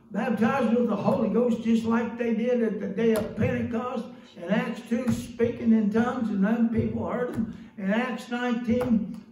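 A man's voice: sits high, warm tone. An older man preaching a folksy sermon in a small church, holding a handheld microphone, chatty, often saying "praise God" and laughing. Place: small church sanctuary, indoors. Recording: very echoey room, voice from a distance.

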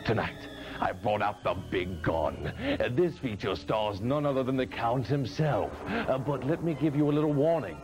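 A man's voice: mid-range voice, expressive, moderate pace. A man speaking as a campy horror host, a mad monk with theatrical, joking patter full of puns. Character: campy mad old monk hosting late-night horror films. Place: small TV studio set. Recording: 1980s TV broadcast with music behind.

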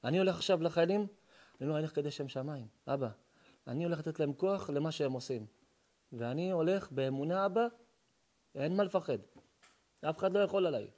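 A man, a rabbi, preaching a sermon with passion, swinging between hushed asides and loud chanted verses. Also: on the high side, long pauses.

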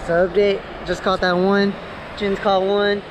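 A young man chats casually for his fishing vlog, slangy and quick to get excited. He talks into a head-mounted camera on an open beach. Crashing surf and gusting wind are loud around him. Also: high-pitched. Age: young adult. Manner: excitable, slangy, calls out catches. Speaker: fishing vlogger. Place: windy ocean beach outdoors. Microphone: head-mounted action camera. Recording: noisy beach wind and waves.

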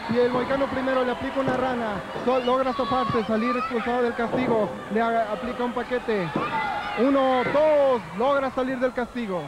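A man with a Mexican accent giving excited, exclamatory live play-by-play as a wrestling commentator. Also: extremely high pitch, brisk, over a noisy crowd. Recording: noisy TV broadcast from wrestling arena. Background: loud arena noise.

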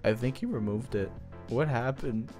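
Brief: young male gamer, animated and playful, mid-range voice, faint music bed. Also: mid-range voice, moderate pace. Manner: animated, playful, shouts at the game. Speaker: gaming video creator. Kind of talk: excited gameplay commentary. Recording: game music playing softly behind.

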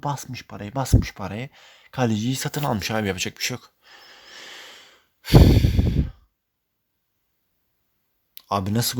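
A young man commentating his own football video game match, exasperated and swearing, with loud frustrated outbursts. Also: on the low side. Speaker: gaming YouTuber. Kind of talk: live gameplay commentary.

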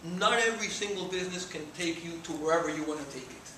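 Here a guest speaker addresses students in a lecture room, earnest and gesturing, in a quick, fairly high-pitched voice. He's a man in his forties from Mexico with a Mexican accent and Spanish as his first language. A far camera catches the sound, which is echoey and noisy.

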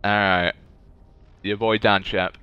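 A man's voice: on the low side, level tone, takes it slowly, clear, resonant tone, dry recording, muffled recording. A man giving casual live commentary on a game playthrough, playful and rambling as he chats with viewers. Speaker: game streamer.

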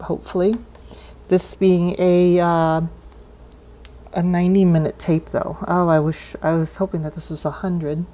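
Indoors at a desk, a hobbyist woman demonstrates cassette tape repair in a casual, unscripted way, thinking aloud and sounding hesitant. Her voice is fairly low and a little mellow.

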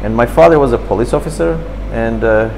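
A Turkish man in his fifties speaks fairly quickly in a medium-pitched voice with vocal fry, animatedly reminiscing about childhood in slightly broken English and gesturing with his hands. He's interviewed at an indoor café table by a camera across from him. The low-quality recording has slight background noise and a long reverb tail.

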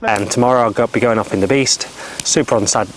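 A man's voice: mid-range voice, quick pace. A man hosting a casual vlog, stumbling over his words, restarting and swearing at his own slip-ups. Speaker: vlog host. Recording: noisy background.

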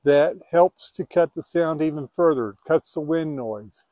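A man's voice: on the high side, unhurried, dark tone, dry recording. A middle-aged man explaining things in a plain, conversational way for an outdoor vlog, recorded on a lapel mic. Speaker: homestead video host. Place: open windy valley field outdoors.

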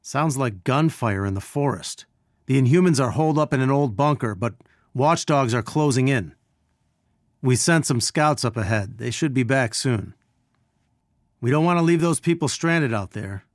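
Here an earnest resistance-leading scientist, voiced by a male actor, guides the heroes through game missions, his delivery measured and dryly wry. The mid-range voice comes through clean studio audio with no room sound.

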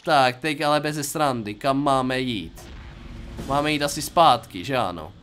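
A man's voice: medium pitch, a bit bright, slight background noise. A young Czech man giving playful, jokey commentary while playing a game, talking to himself and to his viewers. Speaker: gaming YouTuber. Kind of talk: casual gameplay commentary.

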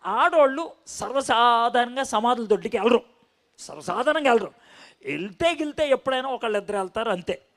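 A man preaching a Bible-teaching sermon with a high voice. He tells the passage as a story and keeps checking in with his listeners through questions. His pitch rises and falls in wide, expressive swings. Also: brisk. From India.

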